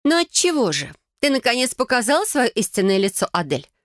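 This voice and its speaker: A haughty young cousin, smug and taunting, her voice pitched up high and bright, as a woman reader puts her on. She speaks in a dry, close recording with no room around it. The tone is steady, cutting mockery. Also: fairly quick, dry recording, lightly acted. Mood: mocking. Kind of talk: audiobook character voicing.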